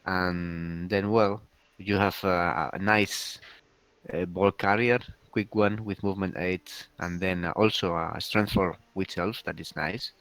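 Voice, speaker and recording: A man with a lowish voice hosts a casual game recap, agreeing often and stopping to think with fillers. The sound is dry and close, with no room around it. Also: fairly even intonation, measured pace, fairly bright tone, clear, resonant tone, no room sound. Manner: easygoing, agreeable, hesitant with fillers. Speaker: host.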